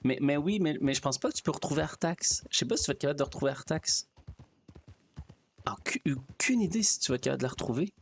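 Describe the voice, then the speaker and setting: A man, chatting casually as a streamer, rambling and halting. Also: a little high, lively intonation, gravelly. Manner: rambling, halting, with restarts and fillers. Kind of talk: casual out-of-character chat while gaming.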